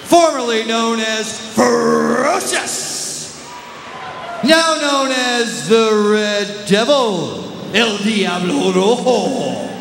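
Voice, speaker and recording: A man working as a ring announcer, giving showy, drawn-out fight introductions like a lucha libre announcer, stretching names with bilingual flourishes. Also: very high-pitched, lively intonation, vocal fry, fairly bright tone. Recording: echoey arena PA with background noise.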